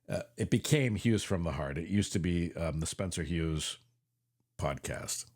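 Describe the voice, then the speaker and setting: A man with a very deep voice speaks earnestly into a studio mic in his home podcast room. His delivery is confessional and reflective, and he slows down on the phrases that matter most to him. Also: lively intonation, a little mellow. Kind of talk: reflective personal monologue. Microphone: studio mic with headphones.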